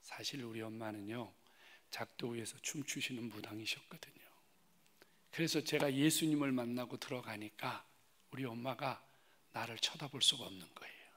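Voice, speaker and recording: In a church sanctuary, a male guest pastor preaches a testimony sermon at an ordinary middle pitch and moderate pace. He swings from loud, pressing rises to breathy whispered asides, repeatedly turning to the congregation with direct questions.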